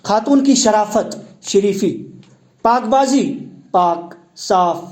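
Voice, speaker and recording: A man's voice: sits high, animated, a little mellow. A man teaching a class, explaining word meanings and quizzing students with questions. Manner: asks the class questions and repeats key words; explains word meanings, mixing in English terms. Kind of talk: classroom lecture explaining a text.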